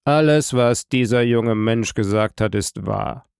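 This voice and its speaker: A man voicing a shattered middle-aged male prosecutor in an audiobook, speaking in a low, pressed, strangled voice. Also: measured pace, creaky, darkish tone, smooth, no echo, clean studio sound. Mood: crushed.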